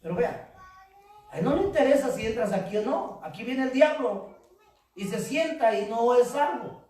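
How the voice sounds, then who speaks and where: High-voiced pastor preaching in an echoey hall. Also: male voice, expressive, normal speed. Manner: preaching with rising shouts and call-and-response. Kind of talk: sermon. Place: church hall. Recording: very echoey hall, mic far off.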